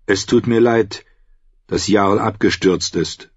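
A man voicing a calm, steady young man of the night watch who speaks plainly. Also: fairly low pitch, slow pace, husky, dry recording, heavily acted. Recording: slightly dull, dry recording.

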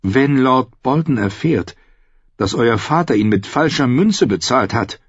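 A man's voice: mid-range voice, lively intonation, measured pace, breathy edge, no echo, voice pushed up. A man reading an audiobook, voicing an awkward, earnest young woman knight in a raised, pleading voice. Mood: shocked, insistent. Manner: pleading, insistent questions. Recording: dry, slightly dull studio audio.

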